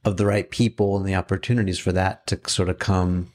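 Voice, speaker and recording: Low-voiced man hosting a podcast. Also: little pitch movement, fairly quick, a little mellow. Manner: encouraging, reflective, with many backchannels. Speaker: podcast host. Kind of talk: podcast interview.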